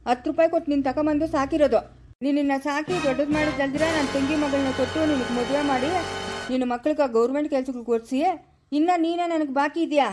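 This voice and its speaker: A woman playing a stern old village father in a family comedy skit, scolding and taunting in rapid rural Kannada with a Chikkaballapura accent. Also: high voice, steady tone, over music, natural voice. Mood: mocking.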